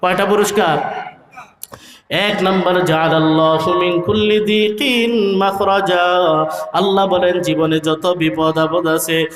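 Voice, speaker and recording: A high-pitched male preacher who delivers his sermon in a rhythmic way, rising into shouted peaks and drawing out sung phrases. His voice rings through an echoey hall, with faint music underneath. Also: steady tone, slow pace. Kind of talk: Bengali waz sermon.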